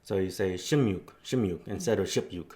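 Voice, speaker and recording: A man's voice: on the low side, expressive, moderate pace. A man teaching a casual spoken lesson, explaining step by step with loose fillers. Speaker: language teacher.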